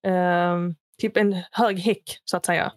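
A woman's voice: on the low side, steady tone, dry recording, studio quality. A young woman, a podcast co-host animatedly retelling a story, acting out quotes in a raised voice and slipping into English phrases. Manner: mixes English phrases into speech. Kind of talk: casual chat, storytelling.

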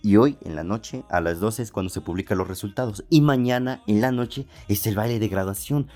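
A man's voice: fairly low pitch, a little fast, a little mellow, faint music behind. A young man with a Mexican accent telling a funny story in casual, slangy talk, swearing and laughing often. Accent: Mexican Spanish. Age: young adult. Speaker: podcast host.

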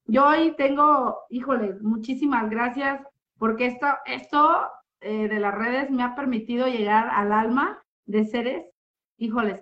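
Woman sharing her therapy story, kinda high voice, heartfelt, lots of "you know?", muffled lo-fi sound. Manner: heartfelt, expressive, many tag questions. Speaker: guest giving a therapy testimony. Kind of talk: emotional personal testimony. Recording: muffled lo-fi audio.

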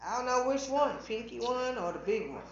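A woman's voice: fairly high pitch, lively intonation, brisk, slight background noise. A woman co-hosting a casual podcast, blunt and insistent, driving her points with rhetorical questions. Her voice rings in a strongly echoing room. The sound is dull and lo-fi. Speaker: podcast co-host. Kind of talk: casual chat. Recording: very echoey, dull podcast audio.

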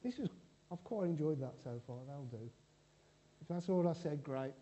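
A man delivers a loose, conversational sermon, joking with the congregation and stumbling through restarts. His voice sits a little high for a man but sounds mellow and warm. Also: animated, moderate pace, dull audio. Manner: chatty and joking, with frequent restarts. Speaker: preacher. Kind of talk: informal church sermon.

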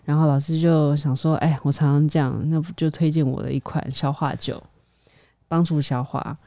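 A woman co-hosting a casual podcast, soft-spoken and teasing. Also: low-pitched, fairly even intonation, moderate pace, no room sound. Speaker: podcast co-host. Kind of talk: casual chat.

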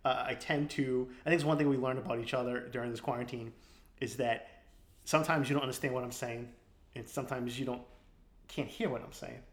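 A man's voice: mid-range voice, fairly even intonation, a little fast. A man hosting a podcast in casual chat, rambling and laughing often. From East Boston. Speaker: podcast host. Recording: roomy echo.

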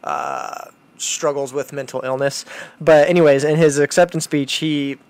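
A man hosting a podcast with casual commentary, halting and rephrasing as he goes. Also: fairly high pitch, fairly even intonation, darkish tone, dry recording. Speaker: podcast host.

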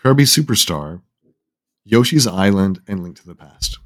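A man hosting a casual gaming podcast, talking in halting starts and reading listener lists aloud. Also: on the low side, lively intonation. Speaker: podcast host.

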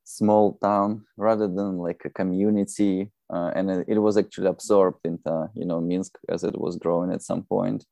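Belarusian accent guy, non-native english, really creaky mellow voice, rambles casually on a podcast. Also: low voice, little pitch movement, no room sound, clean studio sound. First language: not English. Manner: halting, rambling, often saying "you know". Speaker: podcast guest. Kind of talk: casual conversational interview.

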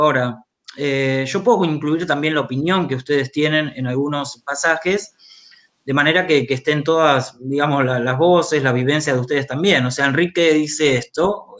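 Over a remote video call, an interviewed author, journalist and biographer with an Argentine accent speaks in a mid-range, somewhat bright voice. His manner is conversational and hesitant, with frequent repeated words.

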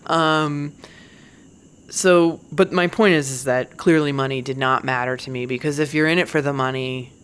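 A woman's voice: very deep voice, fairly even intonation, normal speed, smooth. A woman comedian in her forties, talking in a candid, profane casual monologue and laughing now and then. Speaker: stand-up comedian.

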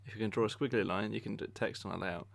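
A man's voice: lowish voice, fairly even intonation, fast talker, vocal fry. A man hosting a podcast in a casual, jokey, rambling and hesitant way. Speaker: podcast host. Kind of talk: casual chat interview.

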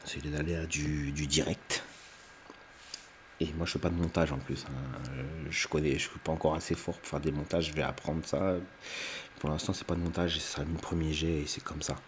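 Very deep-voiced man rambling through a recap. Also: little pitch movement, a little fast, slight background noise. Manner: rambling, many fillers and restarts; briefly acts out lines in raised voices. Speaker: video host recapping a TV film. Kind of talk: unedited casual retelling.

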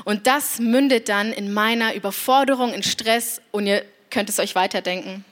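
A woman's voice: medium pitch, moderate pace, fairly bright tone. A woman in her thirties giving a personal, confessional devotional talk, speaking straight to the listener. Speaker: church speaker.

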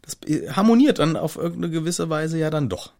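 A man co-hosting a casual book podcast, adding joking, expressive commentary. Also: fairly high pitch, fairly quick, gravelly. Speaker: podcast co-host.

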